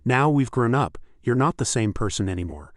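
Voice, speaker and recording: A narrator voices a cocky young man flashing his money in a comic recap. He is brash and mocking, with a mid-pitched voice and a dry sound. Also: lively intonation, normal speed, no echo, lightly acted.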